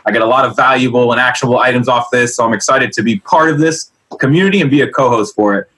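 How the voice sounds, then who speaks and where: Bright-voiced energetic man co-hosting. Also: mid-range voice, quick pace, slightly rough, low-quality recording. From United States. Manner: energetic, jokey, laughs often. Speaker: co-host, sports dietitian. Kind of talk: casual podcast chat.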